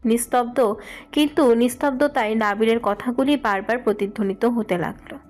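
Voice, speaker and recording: A woman tells a love story at a steady narrating pace. Her voice sits a little high, with soft music playing behind her. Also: normal speed.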